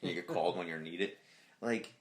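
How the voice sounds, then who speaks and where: A man with a very low, deep voice co-hosting a casual podcast. He talks excitedly, swears freely and acts out little quoted lines as he goes. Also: normal speed. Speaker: podcast co-host.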